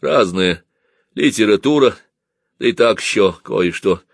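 A man voicing a bearded, plain-spoken craft teacher in a storybook reading, calm and homely. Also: lowish voice, a little slow, vocal fry, no room sound, clean studio sound, exaggerated voice. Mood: rueful.

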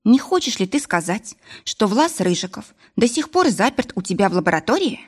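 A woman voicing a nervous young woman, a former ballerina, speaking in an anxious, higher voice. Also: sing-song, a little fast, breathy edge. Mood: alarmed.

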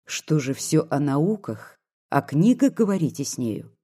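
An audiobook reader voices a devoted, tearful young peasant woman who pleads softly and earnestly, in what sounds like a quiet storybook reading. The tone is dark and mellow with a husky edge, medium in pitch, sing-song, and a little slow, with a teasing mood.

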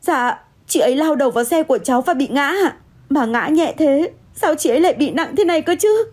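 A woman voicing a frightened young woman who pleads in a high, tearful voice. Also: expressive, a little fast, darkish tone. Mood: anxious. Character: young woman, frightened, then stubbornly honest.

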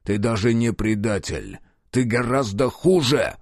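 A man reading an audiobook, voicing a blunt middle-aged police chief who shouts and mocks with gruff scorn. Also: medium pitch, animated, unhurried, no echo, studio quality. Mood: furious. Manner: gruff, scathing, shouting in anger.

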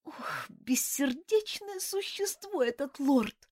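Woman doing a high, fretful young lady. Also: expressive, slow pace, darkish tone, no room sound, studio quality. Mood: fretful, exclaiming. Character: young noble lady, impulsive and fond of her pet. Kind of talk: audiobook character voice.

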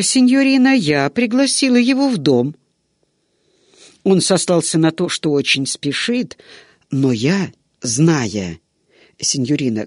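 A man voicing a long-winded old female servant who tells everything slowly and in order. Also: fairly high pitch, no echo, studio quality. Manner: rambling, drawn-out storytelling.

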